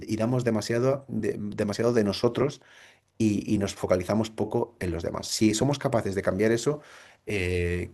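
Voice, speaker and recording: This man's voice is low-ish and darkish in tone. He's a middle-aged Spaniard with a Spanish accent recording a thoughtful lecture through a computer microphone, peppered with rhetorical questions and restarted sentences.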